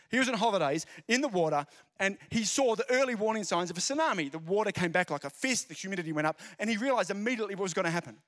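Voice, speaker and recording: A young man giving a lively, jokey evangelistic talk, telling stories and repeating key phrases. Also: high voice. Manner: animated storyteller, jokey asides, repeats phrases. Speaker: speaker explaining Christianity.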